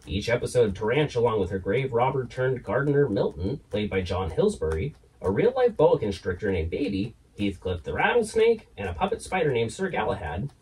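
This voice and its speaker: Animated horror host man, slightly off-mic. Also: mid-range voice, far from the mic, poor audio. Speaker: horror host puppet presenter. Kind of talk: scripted documentary narration.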